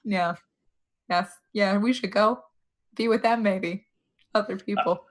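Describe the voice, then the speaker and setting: A woman's voice: mid-range voice, steady tone, slow pace. A young woman playing a tabletop game in character, dry and sarcastic. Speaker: player.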